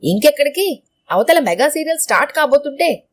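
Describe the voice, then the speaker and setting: A woman's voice: high voice, big pitch swings, brisk, pitched above the performer's own voice. Melodramatic middle-aged wife, wailing over soap operas, voiced by a woman narrator. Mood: bustling. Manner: wailing, dramatic.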